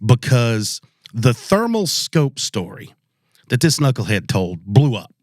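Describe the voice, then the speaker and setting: A man hosts a podcast in loose, joking talk, full of slang and easy laughter. His pitch sits in the middle range. The sound is dry and close to the mic. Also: big pitch swings, slow, a little mellow, no echo. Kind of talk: casual podcast chat.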